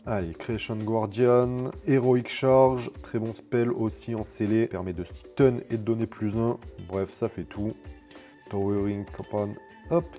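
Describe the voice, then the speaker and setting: A man with a fairly low, mellow voice gives casual commentary as he opens booster packs. He draws out each card name, then drops into quicker, quieter rule explanations full of fillers and self-corrections. Soft music plays faintly underneath. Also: steady tone. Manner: reads card names slowly, then explains rules in a quick, low aside. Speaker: card game content creator.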